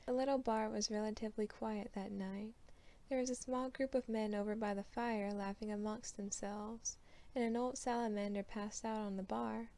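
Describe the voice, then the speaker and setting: A woman's voice: mid-range voice, fairly even intonation, normal speed, warm tone. A young woman reading fanfiction aloud in a casual, chatty manner. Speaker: fanfiction reader.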